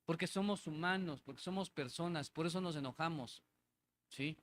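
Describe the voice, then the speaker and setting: A man's voice: on the high side, normal speed, fairly bright tone, slight background noise. A man preaching a conversational sermon in a church, repeating phrases and checking in with the congregation. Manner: conversational, asks the congregation for agreement. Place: church hall.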